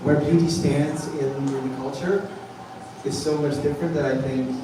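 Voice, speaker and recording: A man's voice: on the high side, fairly even intonation, normal speed. Filmmaker guy fumbling for words at a press q&a, far from the mic, big echo. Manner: hesitant, searching for words, many fillers and restarts. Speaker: documentary filmmaker. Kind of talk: press Q&A answers. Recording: echoey room, distant mic, noisy.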